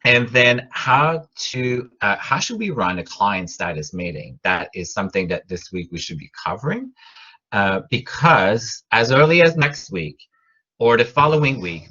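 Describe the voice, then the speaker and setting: A middle-aged Québécois professor, French his first language, teaches a college class online, rambling with many fillers and restarts and raising his emphasis on key words. His voice is lowish and sharp with a breathy edge. The recording sounds muffled.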